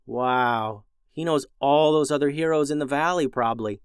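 A man's voice: medium pitch, moderate pace, smooth, no echo, studio quality, close to an everyday voice. A man voicing Milo, a nervous young boy who stammers and repeats himself. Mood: awed. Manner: stammering, anxious.

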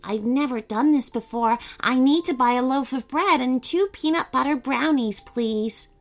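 A woman voicing a shy, nervous young boy in a storybook, quiet and hesitant. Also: sits high, moderate pace, pitched above the performer's own voice.

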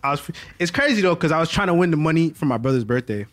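A man's voice: fairly high pitch, expressive, racing, a bit bright, dry recording. A young man co-hosting a podcast in casual, slangy talk, often checking that his listeners follow. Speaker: podcast co-host. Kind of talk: casual chat.

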